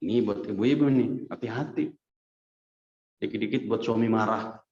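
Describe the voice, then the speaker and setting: A man preacher giving a casual, lively hadith lesson in a mosque, often turning to his listeners and acting out quotes. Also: on the low side, normal speed. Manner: lively, addresses listeners as Pak, acts out quotes. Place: mosque hall. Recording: echoey dull mosque recording.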